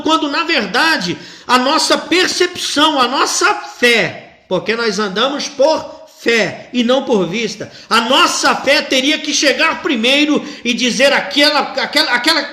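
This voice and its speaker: A man's voice: very high voice, sharp tone, echoey room. A male pastor preaching a sermon emphatically, repeating key lines.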